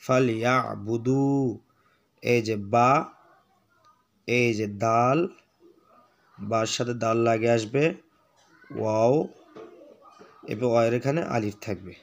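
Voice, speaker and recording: A man guides a handwriting lesson in an unhurried, measured way. His voice sits at a middle pitch. He names each letter and mark as he writes, then drags out the whole word syllable by syllable. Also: fairly even intonation. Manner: names letters while writing, slows to chant words. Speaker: Arabic handwriting teacher. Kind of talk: step-by-step writing lesson.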